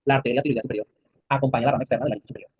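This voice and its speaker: A man's voice: medium pitch, fairly even intonation, very fast, darkish tone, breathy edge, no room sound. A man with a Mexican accent teaching an anatomy class, quizzing his students and joking in crude slang. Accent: Mexican Spanish. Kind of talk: classroom lecture.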